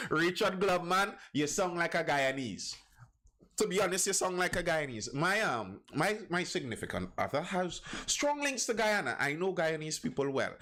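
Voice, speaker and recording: A Trinidadian man hosts a live stream, chatting loosely, drifting off topic and reading out viewer comments while he keeps restarting sentences. His voice is on the high side, very animated, pushed and bright, at a normal speed.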